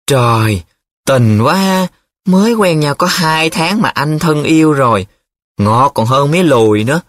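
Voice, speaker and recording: A man's voice: mid-range voice, expressive, fairly quick, fairly bright tone, no echo, clean studio sound. A man voicing a teasing, dramatic young male student who talks in a playful, showy way, in an audiobook. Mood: gushing. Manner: playful, showy, sing-song when reciting.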